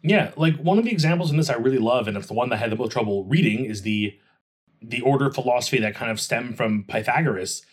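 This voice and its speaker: A man co-hosting a podcast in casual chat, relaxed and making joking asides. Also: medium pitch, quick pace, slightly rough. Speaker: podcast co-host.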